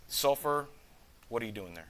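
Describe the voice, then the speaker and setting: A man's voice: medium pitch, animated, moderate pace, a bit bright, a little hiss or hum, poor audio. A man from Northeast Texas hosting a casual interview, chatty and jokey, rambling a bit. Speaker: podcast host. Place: school campus room.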